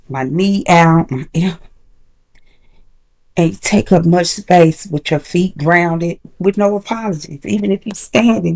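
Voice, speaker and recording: A woman teaching confidence habits in a casual, encouraging way, slowing down to stress key points. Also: lowish voice, vocal fry, darkish tone. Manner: casual, encouraging, slows down for emphasis. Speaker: confidence coach. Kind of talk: motivational tutorial.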